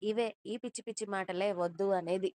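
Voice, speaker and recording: A woman's voice: medium pitch, fairly even intonation, a little fast, a little mellow, clean tone, close to an everyday voice. A woman voicing a stern, angry young man who scolds bluntly in an audio story. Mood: scolding.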